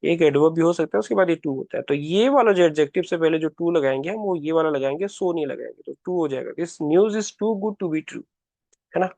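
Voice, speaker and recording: A man teaching an exam-prep grammar lesson, explaining step by step, repeating key words and reading example sentences slowly. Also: high voice, no echo. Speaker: English teacher.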